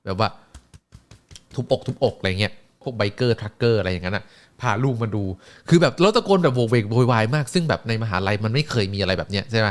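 A man's voice: on the low side, expressive, quick pace. A man streaming, telling a story in casual chat with crude slang and acted-out voices.

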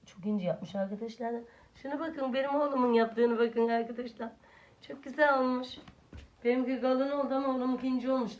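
A woman's voice: on the high side, a little mellow. Older grandmother vlogger in an echoey room. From Turkey. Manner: talks to the viewers as friends and coos at her grandson in a sing-song voice. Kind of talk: casual home vlog chat. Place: village house room. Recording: echoey room, mic at a distance.

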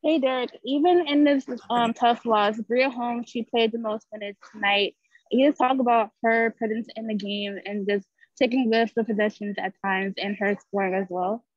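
A woman's voice: on the high side, fairly even intonation, normal speed, no room sound. A female reporter asks a coach a friendly, upbeat question about a player. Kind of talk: press conference question over a call. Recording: dry, dull remote call audio.

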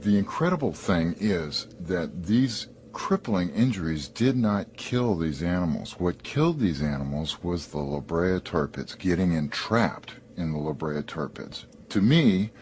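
A man's voice: low-pitched, animated, a little slow, a little mellow, slight background noise. A middle-aged man explaining emphatically as an expert in a nature documentary interview.

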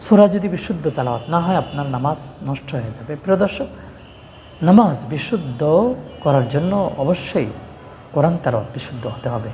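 High-voiced man teaching Quran pronunciation. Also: lively intonation, dark tone, in a large hall, a little hiss or hum. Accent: Bangladeshi Bengali. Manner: explains pronunciation, then chants verses slowly and melodically. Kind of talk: religious lesson with chanted recitation.

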